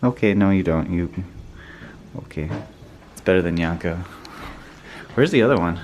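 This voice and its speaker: A man's voice: sits low, expressive, brisk, a little mellow, slight background noise. A young man chatting casually in a daily vlog, laid-back and rambling, with lots of fillers. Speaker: vlogger.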